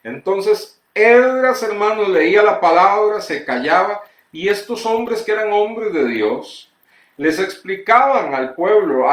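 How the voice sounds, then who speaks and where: A man preaching a sermon as pastor, reading scripture slowly and pressing his points with rising emphasis. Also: high-pitched, a bit bright, reverberant. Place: church.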